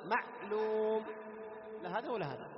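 Man teaching Quran recitation in an echoey hall. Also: sits high. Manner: explains quickly, then chants Quranic verses slowly and melodiously; asks students questions and answers them himself. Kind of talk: tajweed lesson with recited examples. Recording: echoey, muffled room recording with background noise.

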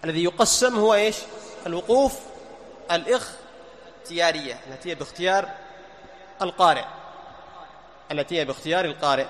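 A man with a high voice teaches a recitation lesson in a hall with a long reverb. He keeps asking his listeners short questions and then answers them himself, repeating each key term. A faint hiss sits under the recording. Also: a little fast, pauses often, fairly bright tone. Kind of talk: classroom lesson.

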